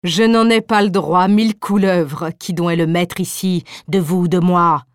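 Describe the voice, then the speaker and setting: A woman's voice: lowish voice, steady tone, moderate pace, clean tone, dry recording, clean studio sound, pitched below the performer's own voice, close to an everyday voice. A woman reading the part of a domineering, scornful husband in an audiobook. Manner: blustering, insulting.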